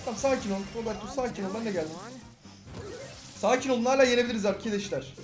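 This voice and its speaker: A young man with a Turkish accent giving excitable live gameplay commentary, talking to teammates and viewers with sudden loud outbursts. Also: extremely high pitch, fast talker. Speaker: gaming YouTuber. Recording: roomy sound with game music behind.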